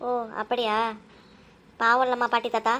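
A woman's voice: on the high side, level tone, normal speed, sharp tone. A woman voicing a curious young girl who stammers and coaxes her mother in a cartoon. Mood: coaxing. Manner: hesitant, stammering when caught.

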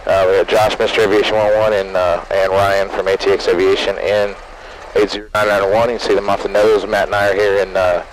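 A man's voice: low voice, level tone, quick pace, few pauses. A man, a private pilot, explaining things casually to viewers over a small plane's headset intercom. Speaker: private pilot and video host. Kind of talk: casual cockpit chat and radio calls. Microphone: aviation headset. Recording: headset intercom with engine noise.

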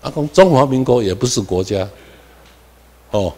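A man with a Taiwanese accent giving a classroom lecture, moving between Hokkien and Mandarin, dropping in English terms and asking himself questions as he goes. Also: normal speed. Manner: animated, with sudden rises in pitch and volume for emphasis. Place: lecture room.

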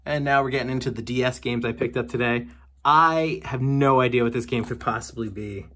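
This young gaming vlogger, a collector, rattles briskly through the games he brought home in a mid-range, sharp-toned voice. His chatty unboxing talk is wry and sprinkled with jokes. It's recorded indoors at home, with slight background noise.

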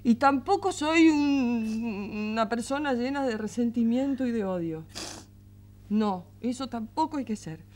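An actress with a Rioplatense accent playing a tender, weary single mother who soothes her young son in a soft, coaxing voice that often sinks to a murmur. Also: fairly high pitch, lively intonation, measured pace, slight background noise. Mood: soothing. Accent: Rioplatense Spanish. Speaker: mother of an eleven-year-old boy. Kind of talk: 1980s television drama acting.

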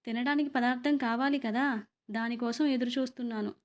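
A woman voicing a calm, sinister old village man who speaks in a flat, matter-of-fact way in a horror story. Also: a little high, a little fast, lightly acted. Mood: ominous.

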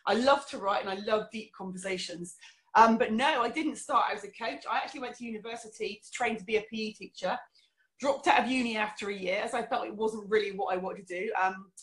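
A middle-aged woman from England, candidly telling her life story as an interview guest, with many fillers. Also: on the high side. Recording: roomy echo.

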